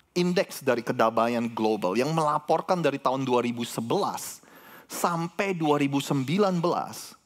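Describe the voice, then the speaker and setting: A man in his thirties preaching a sermon, animated and chatty, rising to emphatic peaks and turning to the congregation with asides. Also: medium pitch. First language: Indonesian. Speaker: pastor.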